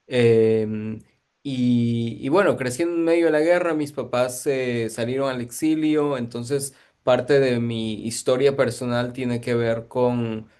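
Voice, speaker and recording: A man's voice: medium pitch, fairly even intonation, takes it slowly, darkish tone, clean tone. Reflective man, curator guest. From Guatemala. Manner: thoughtful, searching for words. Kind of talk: reflective interview answers.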